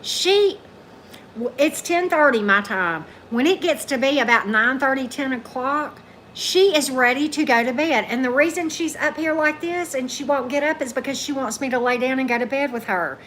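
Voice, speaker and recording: A tarot reader hosts a livestream, chatting casually, greeting commenters by name and often ending a thought with "right?". Her voice is deep yet a bit bright, at a normal speed, with a faint hiss of background noise underneath.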